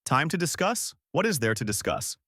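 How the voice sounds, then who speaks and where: Brief: proud alien general, read by a male narrator, barking and scornful, lively pitch. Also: moderate pace, dry recording, clean studio sound.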